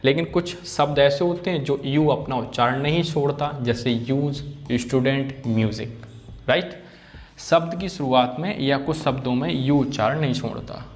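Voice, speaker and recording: A man's voice: mid-range voice, normal speed. A man teaching an English phonics lesson, repeating example words and often checking in with his students.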